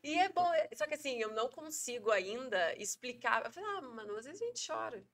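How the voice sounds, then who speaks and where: A woman with a Brazilian accent chatting casually on a podcast, telling animated stories and acting out what people said. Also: sits high, brisk. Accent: Brazilian Portuguese. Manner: animated storyteller, acts out quotes. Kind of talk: casual chat.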